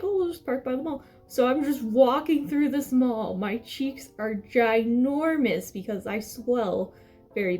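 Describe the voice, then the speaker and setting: A woman's voice: a little high, a little mellow. A young adult woman tells a personal story casually, rambling, correcting herself and stressing her points. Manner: rambling, self-correcting, emphatic. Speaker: vlogger telling a personal story.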